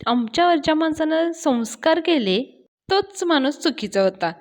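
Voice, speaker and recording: A woman's voice: high voice, animated, moderate pace, pitched above the performer's own voice. A woman voicing a teasing young man who needles his brother in a storytelling recap. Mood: needling. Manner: mocking, argumentative.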